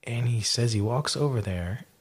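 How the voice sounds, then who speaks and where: A man's voice: mid-range voice, moderate pace, slightly rough. A man hosting a podcast, casually retelling eyewitness stories in a rambling way, with lots of fillers and restarts. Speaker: podcast host.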